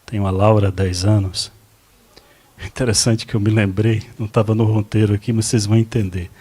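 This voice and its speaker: A man's voice: lowish voice, level tone, brisk, dark tone, husky. A Brazilian man preaching a storytelling sermon in church, chatting directly with the congregation. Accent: Brazilian Portuguese. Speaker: pastor.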